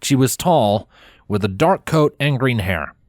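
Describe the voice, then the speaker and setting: A man's voice: mid-range voice, lively intonation, a little slow, no room sound, clean studio sound. Man narrating a storybook. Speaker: fanfiction reader.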